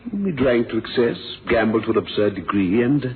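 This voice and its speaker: In a radio drama, a man plays a prim, deferential managing director, formal, a little hesitant and discreetly disapproving. His natural, mid-range voice is very animated and fairly quick, heard through thin, noisy, band-limited old radio with a phone-like quality.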